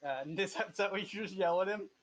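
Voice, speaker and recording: A man's voice: high voice, fast. A man running an online tabletop game as game master, explaining the scene with hesitant fillers. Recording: dull lo-fi mic.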